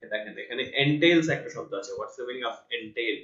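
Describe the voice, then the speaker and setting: A man's voice: medium pitch, lively intonation, normal speed, fairly bright tone. A man with a Bangladeshi accent teaching an online English class, patiently correcting a student's reading and explaining in Bengali. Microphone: online call. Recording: roomy, dull online call audio.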